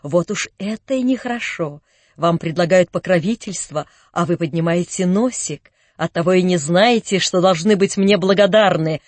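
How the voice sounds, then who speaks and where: A man reading an audiobook, voicing a scheming middle-aged nobleman who speaks in smooth, ingratiating phrases. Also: high-pitched, animated, normal speed, a little mellow, dry recording. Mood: sneering. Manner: smooth, ingratiating, then sneering.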